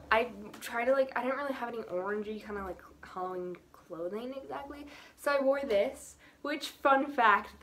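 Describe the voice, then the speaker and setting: Talking books to her camera, this teen girl rambles along, packing in fillers and small laughs. Her mid-range voice sounds bright and forceful, and a little background noise can be heard.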